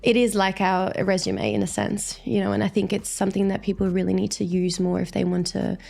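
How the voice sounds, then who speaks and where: Her mid-range voice is gravelly and darkish, moving a little fast. A young Australian woman in her twenties, she's a guest dancer in a casual interview, chatting in an upbeat, reflective manner.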